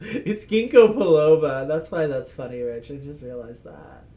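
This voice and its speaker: In his expressive, somewhat high voice at a normal speed, a board game channel host narrates his thoughts during a solo session. He speaks loudly and projects, laughing now and then and poking fun at himself in this relaxed playthrough.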